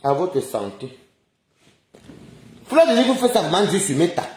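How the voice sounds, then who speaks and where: A man's voice: sits high, sing-song, moderate pace, a little mellow. A man ranting indignantly on a casual live stream, firing off rhetorical questions and chuckling often. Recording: roomy echoey recording.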